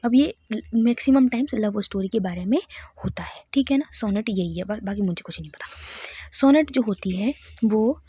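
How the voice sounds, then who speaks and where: A woman's voice: mid-range voice, lively intonation, moderate pace, warm tone, slightly rough, no room sound. Woman teaching a literature lesson. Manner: checks in with listeners often, repeats key terms.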